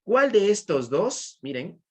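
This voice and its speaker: A man's voice: high-pitched, very animated, slow. A man teaching an online class with a Peruvian Spanish accent, repeating his points and asking students questions. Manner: repetitive, questioning students, praising answers.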